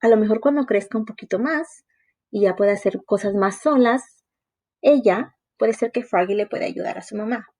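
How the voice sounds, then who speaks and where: A teacher who reads a story aloud and explains it slowly to young children. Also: female voice, mid-range voice, dark tone, slightly rough. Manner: slow, sing-song, explaining to young children. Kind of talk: reading a story aloud for a lesson.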